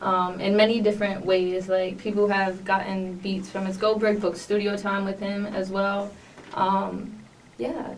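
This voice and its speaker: On a casual podcast, a guest artist, a young New York woman, talks upbeat and leans on plenty of fillers. Her mid-range voice stays level and unhurried, and the distant mic adds a faint noise.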